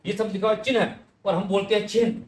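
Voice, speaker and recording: A man's voice: high voice, steady tone, fast, roomy sound. A man teaching correct Hindi spelling, explaining each word patiently and speaking directly to his students.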